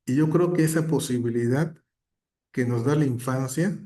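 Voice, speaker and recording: A man talks reflectively as a guest academic, his voice mellow and dark. He builds his points through examples and keeps checking in with short questions. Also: medium pitch, moderate pace. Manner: reflective, gives examples, frequent tag questions. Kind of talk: conversational talk.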